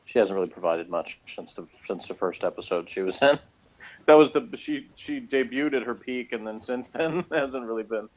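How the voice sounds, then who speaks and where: On a poor-quality recording, a man with a medium-pitched voice talks at a normal pace while co-hosting a TV review show. He chats casually about a sci-fi episode, tearing it down with sarcasm and mockery.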